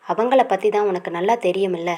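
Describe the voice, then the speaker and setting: A woman voicing a young husband who pleads softly and tenderly with his crying wife. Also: medium pitch, a little fast, natural voice. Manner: soft, pleading, affectionate.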